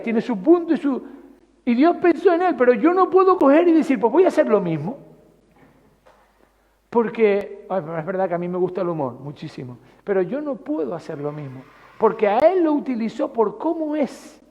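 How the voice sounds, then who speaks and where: High-voiced pastor preaching in a hall. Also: male voice, a little mellow. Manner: conversational preaching, rhetorical questions to the congregation. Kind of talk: sermon. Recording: dull recording with long hall reverb.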